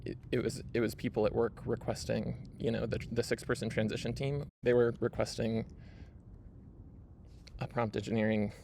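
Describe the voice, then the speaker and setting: A man's voice: mid-range voice, flat delivery, moderate pace, vocal fry, warm tone, slight background noise. A man hosting his own video, casually walking viewers through his screen with lots of fillers and "right?" tags. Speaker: video host. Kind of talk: casual screen-share walkthrough.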